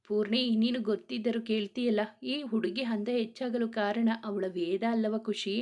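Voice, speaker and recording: A woman's voice: fairly high pitch, fairly even intonation, moderate pace, darkish tone, lightly acted. A woman voicing a cheerful young woman who teases her friend playfully. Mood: teasing. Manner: playful teasing.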